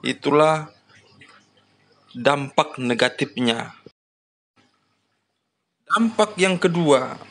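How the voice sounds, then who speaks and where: Guy teaching farmers about fertilizer stuff, voice a bit high, says ya and namanya a lot. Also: a bit bright, slight background noise. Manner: addresses farmers as "Bapak Ibu", frequent "ya" and "namanya" fillers. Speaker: farming channel host. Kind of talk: explanatory farming lesson.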